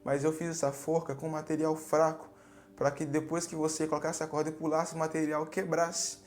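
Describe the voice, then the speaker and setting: A man voicing a wise older father whose farewell letter speaks calmly to his son. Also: a little high, normal speed, a little hiss or hum, lightly acted. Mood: calm, fatherly.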